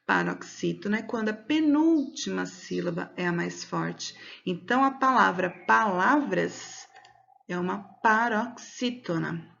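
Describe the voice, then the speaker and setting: A Brazilian woman, a schoolteacher recording a video lesson for children, speaks at a middle pitch. She explains patiently and step by step, stretching words out slowly so the stressed syllable is clear. The sound is a bit dull, like a simple home recording. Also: expressive, fairly bright tone. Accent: Brazilian Portuguese.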